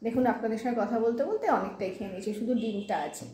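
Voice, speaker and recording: High-voiced chatty woman vlogging at home. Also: quick pace, warm tone, reverberant. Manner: chatty, urging a child to hurry while talking to viewers. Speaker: vlogger and mother. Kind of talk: casual home vlog chat.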